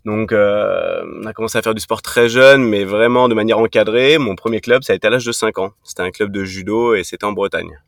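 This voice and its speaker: Speaking with hardly any pauses, a Breton fitness coach in his thirties gives casual answers as a podcast guest, though he still stumbles into fillers and restarts. His voice is lowish, gravelly, and fairly quick. It's a dry recording with clean studio quality.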